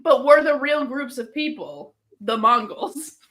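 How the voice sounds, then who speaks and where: A woman with a rather high, animated voice trading quick jokes on a casual group podcast. Her pitch swings widely as she quips. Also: slight background noise.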